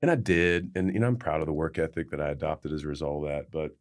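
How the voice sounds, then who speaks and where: A man with a low-pitched voice and an Appalachian hillbilly accent shares personal stories as a podcast guest. He speaks in a folksy, reflective way, like someone looking back on his own life. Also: fast talker. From West Virginia, United States. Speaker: podcast guest, former pro football player. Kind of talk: personal storytelling in an interview.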